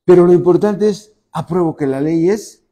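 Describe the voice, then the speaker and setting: A man preaching a sermon as pastor, emphatic and drawn out, rising to loud high peaks and dropping to soft low asides. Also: normal speed.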